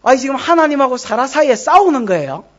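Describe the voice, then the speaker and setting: A woman preaching in a Gyeongsang accent, her voice leaping up and down as she teases and questions the congregation. The church recording is dull and lo-fi, with muffled highs. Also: fast. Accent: Gyeongsang Korean. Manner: lively, teasing, asks the congregation questions. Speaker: pastor. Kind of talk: expository sermon. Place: church service.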